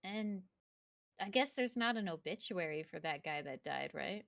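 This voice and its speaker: A woman's voice: fairly low pitch, lively intonation, moderate pace, gravelly, fairly bright tone, dry recording, studio quality. A woman player in a tabletop game, casually chatting and asking questions.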